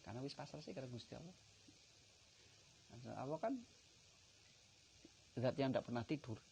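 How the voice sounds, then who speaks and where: A religious teacher with a Tegal Javanese accent leads a study session at a village gathering. His voice is gravelly and sits in a middle register, and he tells stories animatedly, acting out the dialogue. Faint ambient noise hangs behind him. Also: medium pitch, normal speed, poor audio. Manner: animated storyteller, acts out dialogue. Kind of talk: kitab study lesson with storytelling.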